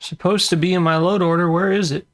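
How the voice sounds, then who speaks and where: A man giving casual commentary while playing a game, muttering to himself with frustrated asides and quick self-corrections. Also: sits high, steady tone, fairly bright tone. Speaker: gaming video creator.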